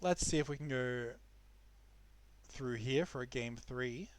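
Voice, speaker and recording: A young man casts a strategy game live in an unhurried, mid-range voice. He's chatty and loose as an esports caster, often restarting sentences and using fillers.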